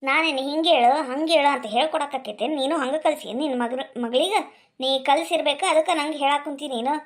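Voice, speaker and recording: A woman voicing a sharp-tongued village mother in a cartoon, bickering and scolding with a North Karnataka accent. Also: high-pitched, quick pace, lightly acted. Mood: quarrelsome. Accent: North Karnataka Kannada.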